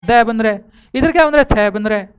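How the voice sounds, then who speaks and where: A woman teaching a school class, often quizzing her students and slowly repeating the key terms. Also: fairly high pitch, animated, clear, resonant tone. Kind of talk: classroom lesson.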